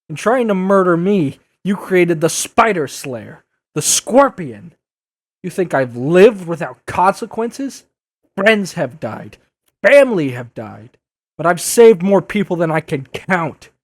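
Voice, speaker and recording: An earnest young masked superhero played by a man in an audio drama. His pitch swings widely as he speaks, impassioned and exasperated, with a wisecracking edge.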